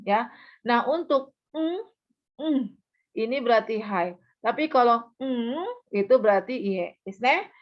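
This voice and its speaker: Patient woman teacher, muffled lo-fi sound. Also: on the high side. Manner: patient, explanatory, models example phrases aloud; checks understanding with quick asides. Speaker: Japanese language teacher. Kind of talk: recorded online lesson.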